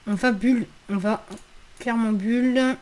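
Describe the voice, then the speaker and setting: Higher-pitched woman doing casual gaming commentary. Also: steady tone, moderate pace, darkish tone. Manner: informal, slangy, freely swearing; thinking aloud, repeating phrases. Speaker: gaming video creator. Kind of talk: casual let's play commentary.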